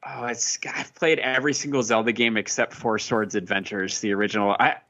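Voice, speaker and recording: A man's voice: fairly low pitch, fairly even intonation, brisk, a bit bright. A man on a podcast thinking aloud, often restarting his sentences. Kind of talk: casual chat.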